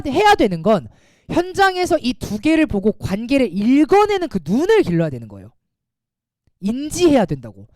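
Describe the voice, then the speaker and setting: Animated male math teacher, quizzing class. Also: very high-pitched, no echo, clean studio sound. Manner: lively, quizzing students with quick rhetorical questions. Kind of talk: classroom lecture.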